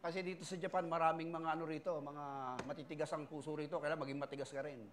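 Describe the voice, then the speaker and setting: A middle-aged Filipino pastor preaches to his church, mixing personal testimony with lively, acted-out voices. His voice sits high for a man, and he swings between loud outbursts and quiet asides. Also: fast talker, slight background noise. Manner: animated storytelling, acting out voices and shouting lines. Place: church service.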